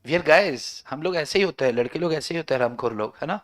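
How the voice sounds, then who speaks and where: A man's voice: a little high, expressive, fast talker. A man teaching a law class online, joking and bantering with his students.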